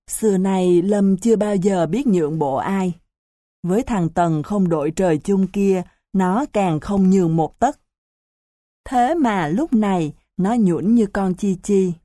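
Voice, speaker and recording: A woman reading a children's novel aloud as a storybook narrator, in an unhurried, even reading manner. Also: medium pitch, no room sound, clean studio sound. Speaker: audiobook narrator.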